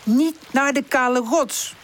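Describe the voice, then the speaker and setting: Vrouw als voorzichtig, bedachtzaam teefje. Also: female voice, sits high, slow, fairly bright tone, pitched above the performer's own voice. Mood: hesitant. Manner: hesitant, rule-minded, cross. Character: cautious sensible female puppy dog.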